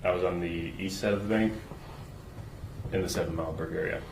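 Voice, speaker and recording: A man testifying as a search and rescue witness, answering questions haltingly with fillers, played from a courtroom recording. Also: sits low, fairly even intonation, gravelly, darkish tone. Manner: halting, with many fillers and restarts. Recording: roomy courtroom recording with background noise.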